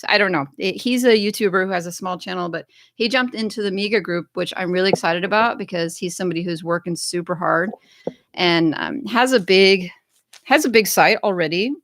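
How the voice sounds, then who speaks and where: A woman's voice: lowish voice, a little fast, a bit bright. An American woman hosting a casual livestream, chatting upbeat and reading viewer comments aloud. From United States. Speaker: livestream host.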